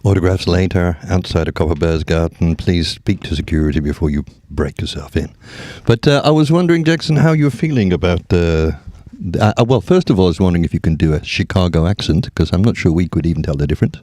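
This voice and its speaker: A man's voice: low-pitched, animated, quick pace, few pauses, dark tone, no echo. A man co-hosting a casual chat, rambling with wry, dry humor. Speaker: co-host. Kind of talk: casual banter.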